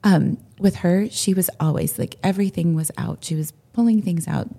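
A woman in her forties with a raspy voice, co-hosting a casual chat and laughing easily as she talks. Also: on the low side, moderate pace, warm tone. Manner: chatty, laughs often, self-deprecating. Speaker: podcast co-host.

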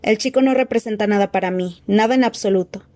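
A woman voicing a nervous, fawning male servant who stammers and rises to a squeaky, panicked pitch. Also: fast, dark tone, dry recording, natural voice. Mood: panicky.

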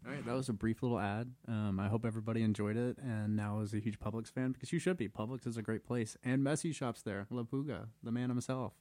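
A young man co-hosting a casual podcast, making jokes in quick banter. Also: medium pitch, fairly even intonation, dark tone, dry recording. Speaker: podcast co-host. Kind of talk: casual chat.

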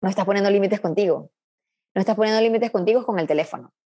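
A woman's voice: mid-range voice, fast talker, mellow, husky. A woman coach, a guest in a casual interview, talking in an earnest, reflective way with frequent restarts.

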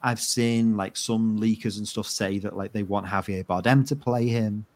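A man co-hosting a podcast in casual chat, rambling and excitable, full of fillers. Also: fairly low pitch, normal speed. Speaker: podcast co-host.

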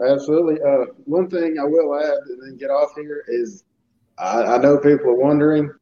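A police officer guest telling a work story in a relaxed, anecdotal way during a casual interview. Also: male voice, fairly high pitch, fairly quick. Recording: dull lo-fi sound.

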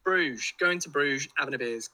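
A man's voice: fairly high pitch, normal speed, pushed and bright. A man with an English accent chatting casually and telling rambling anecdotes with British slang.

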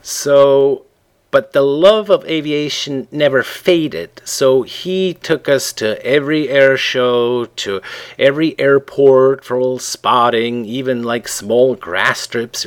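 Man from switzerland, middle-aged, podcast guest, relaxed, pauses with ums. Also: medium pitch, clean tone. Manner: relaxed, searching for words with many ums. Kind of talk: casual interview conversation.

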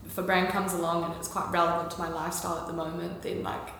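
A young woman with a New Zealand accent chats easily as a podcast guest, filling her speech with ums and likes. Her voice sits a little low. The recording rings with long reverb over a faint hiss. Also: level tone, fast, a bit bright. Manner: chatty, with frequent ums and likes. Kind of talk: casual conversational interview.

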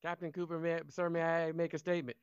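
A man's voice: a little high, little pitch movement, fast, clean tone, dry recording, highs cut off, natural voice. A man playing a flustered, helpless young cadet who stammers and repeats himself in a comedy skit.

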